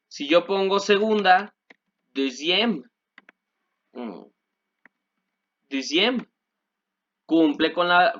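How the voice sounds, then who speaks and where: A young man teaching French verb forms in a video lesson, patiently repeating conjugations and filling pauses with "este". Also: on the high side, fairly bright tone. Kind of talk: classroom-style video lesson. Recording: dull lo-fi recording.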